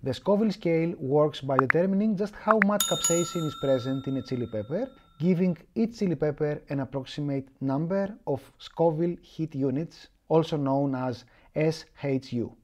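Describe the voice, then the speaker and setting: A man's voice: on the high side, normal speed, noisy background. A man giving a scripted explanatory narration over a food video. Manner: explanatory, even delivery.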